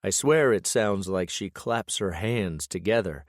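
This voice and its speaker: Male audiobook narrator, low voice, close dry studio sound, steady first-person storytelling. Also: a little slow, no echo.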